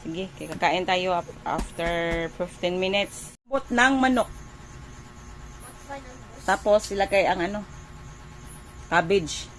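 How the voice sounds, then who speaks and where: A talkative woman from the Philippines chats through a casual home vlog in her kitchen. She rambles easily and keeps pausing to search for the right word. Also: on the low side. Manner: chatty, rambling, searches for words with "ano". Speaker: home vlogger and mother.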